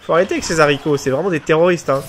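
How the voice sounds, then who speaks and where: A man giving let's play commentary on a shooter game, excitable and joking as he mocks opponents and chats with his viewers. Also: fairly high pitch, rapid-fire, faint music behind. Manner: excitable, joking, teasing the enemy players; chatty with viewers. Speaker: gaming video creator.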